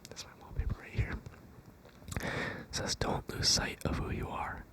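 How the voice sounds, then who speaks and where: Young adult ASMR creator, fully whispered pep talk, gentle, reassuring and unhurried delivery. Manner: whispering throughout.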